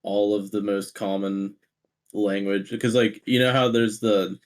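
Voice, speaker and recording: Podcast co-host, male, lower voice, loose rambling casual chat. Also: level tone, unhurried. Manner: rambling, restarts often, laughs easily.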